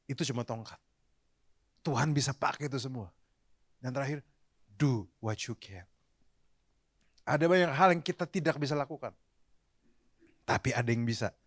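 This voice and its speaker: A male pastor preaching a live church sermon in an easy, conversational way, speaking straight to the congregation and dropping English phrases in as he goes. His voice sits at an average pitch. The sound is dry and close, with little room echo. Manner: addresses the congregation directly and often. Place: church service, recorded live.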